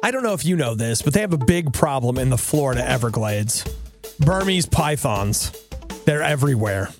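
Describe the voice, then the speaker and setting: A man's voice: medium pitch, expressive, normal speed, over music. A man co-hosting a casual chat show, wry and joking as he reads out news items. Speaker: co-host.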